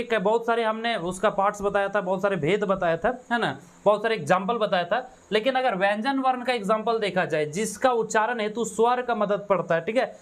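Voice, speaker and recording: A man with a Khortha accent teaching a grammar lesson, explaining step by step, asking questions and answering them himself. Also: high-pitched. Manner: explains step by step, asks and answers own questions, frequent "है ना" and "ठीक है". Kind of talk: exam-prep grammar lesson.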